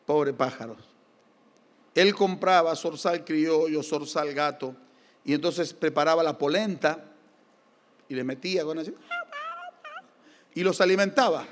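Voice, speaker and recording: Argentine male pastor, high voice, emphatic and animated sermon delivery, recorded with the long echo of a church hall. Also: unhurried, long pauses. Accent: Argentine Spanish. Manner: emphatic, lively preaching with humorous anecdotes.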